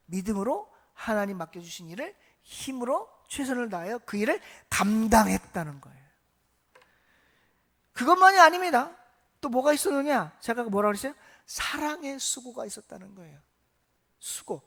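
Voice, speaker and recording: Animated Korean male pastor preaching. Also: high-pitched. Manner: lively, asks the congregation questions; swings between loud emphasis and soft, hushed remarks. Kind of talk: sermon. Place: church sanctuary.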